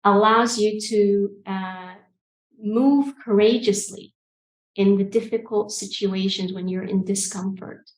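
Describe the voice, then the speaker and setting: A woman in her forties, from Egypt and the UK, giving reflective interview answers over a video call, calm and pausing with frequent ums. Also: medium pitch. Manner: thoughtful, calm, hesitant with ums. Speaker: guest coach. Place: room with bookshelves. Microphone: earbud mic on video call. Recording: roomy video call audio.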